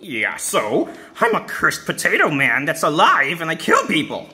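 A man voicing a sinister cursed potato man villain in a plush toy show, with flat, menacing boasting. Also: fairly high pitch, normal speed, exaggerated voice.

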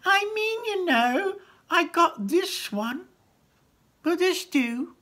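Man doing a high shrill goblin woman, old, sly, greedy, sugary drawl, storybook reading. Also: very animated, slow pace, bright, forceful tone, exaggerated voice. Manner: high sweet wheedling drawl.

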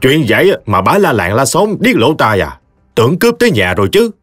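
A man's voice: mid-range voice, huge pitch swings, brisk, husky, pitched above the performer's own voice, heavily acted. A man voicing an irritated old village man with a Mekong Delta Vietnamese accent, grumbling. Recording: dry close studio voice, soft music behind.

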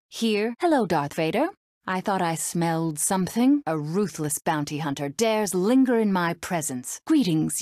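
A woman voicing a brave, sardonic young rebel princess in a video game, with a crisp, resolute and dryly sarcastic manner. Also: lowish voice, a little mellow, no echo, clean studio sound. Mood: scornful.

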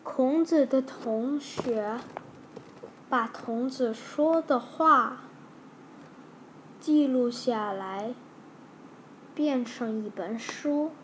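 A woman teacher slowly reading a simple story aloud for learners, with careful, halting phrasing. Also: a little high, a little hiss or hum, poor audio.

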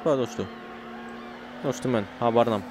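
A male gaming YouTuber talks through a racing game in excitable, slangy bursts, calling out points and teasing his viewers. His voice sits at an ordinary mid pitch. Faint engine and game noise runs underneath. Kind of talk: let's play commentary.

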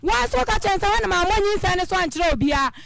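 A woman's voice: extremely high pitch, expressive, fast, gravelly, a bit bright. A woman on a radio show, accusing her former partner in an emphatic way. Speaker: caller in a dispute.

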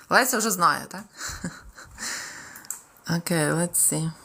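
A young woman with a Ukrainian accent, a tutor running a live exam-prep lesson, mixing Ukrainian explanations with English example sentences she reads out slowly. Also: lowish voice, fairly bright tone, breathy edge.

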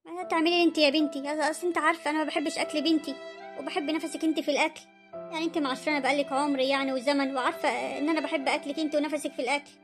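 A woman voicing a poor, gentle older mother-in-law in an Egyptian cartoon story, pleading and self-effacing, with an Egyptian accent. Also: high voice, fairly even intonation, rapid-fire, music in the background, lightly acted.

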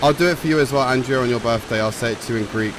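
A man's voice: mid-range voice, racing, background noise. Chatty man streaming a game. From England. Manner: chatty, reads and thanks chat while playing. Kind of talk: casual live-stream commentary. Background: game music.

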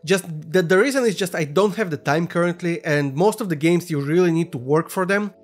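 A man in his thirties from Russia, casually reading viewer questions aloud and answering them in a relaxed vlog, on a studio mic in a small room. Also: a little high, brisk. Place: small room with neon lights, indoors. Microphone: studio mic on stand in front.

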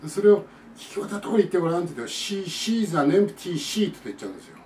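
Man, pronunciation teacher, repeats words slowly, slightly high voice, faint background noise. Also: big pitch swings, mellow. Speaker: English conversation teacher. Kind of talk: spoken pronunciation lesson. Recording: echoey room, distant mic, faint noise.

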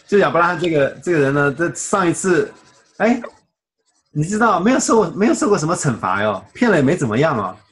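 A man's voice: fairly high pitch, very animated, fairly quick, fairly bright tone. A man teaching a casual Bible study, chatty, explaining with everyday examples and acting out quoted dialogue.

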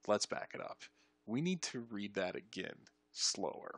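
Casual low-voiced male game streamer. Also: measured pace, slightly rough, no room sound. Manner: reads ability text aloud then reacts, excitable bursts. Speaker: streamer reviewing game ship changes. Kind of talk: casual live-stream commentary.

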